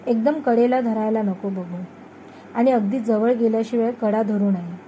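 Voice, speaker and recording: A woman reading a storybook aloud voices a kind young village man who gently coaxes a scared boy. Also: on the high side, moderate pace, highs cut off, slight background noise, close to an everyday voice. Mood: coaxing. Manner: gentle, coaxing instruction.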